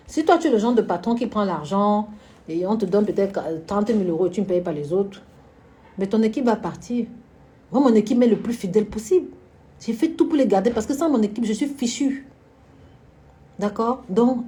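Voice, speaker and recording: A florist and event decorator hosts a relaxed live stream, her voice slightly high and warm. She speaks frankly about business, responds to viewers by name, and laughs often.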